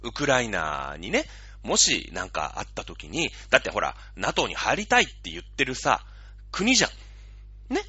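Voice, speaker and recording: A man's voice: medium pitch, wildly swooping pitch, normal speed, bright, forceful tone, husky, dry recording, muffled recording. A man hosting a radio show, talking casually and explaining things with playful analogies.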